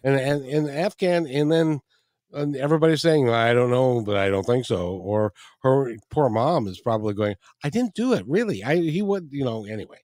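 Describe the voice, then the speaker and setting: With a darkish, mid-range voice, lively intonation, and normal speed, a middle-aged man runs a talk radio show, joking, chatting, and repeating phrases through an interview and an outro. He uses a studio microphone with headphones. The recording is dry and close-miked, with no room sound and faint music.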